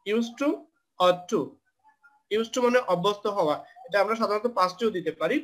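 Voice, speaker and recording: A man with a high-pitched voice teaches a live online grammar lesson. He walks through each rule step by step and stops to spell out words. He drops English terms into his explanations as he goes. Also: normal speed, fairly bright tone. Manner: mixes English terms into Bangla.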